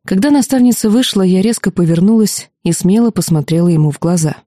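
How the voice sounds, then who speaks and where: Mellow woman narrating a fantasy audiobook. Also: mid-range voice, lively intonation, fast, no echo, clean studio sound.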